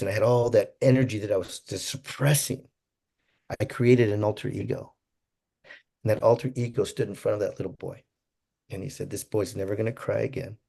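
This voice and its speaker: A man telling an emotional personal story to an audience, swinging from hushed to excited. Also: fairly low pitch, creaky, slightly rough. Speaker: motivational speaker.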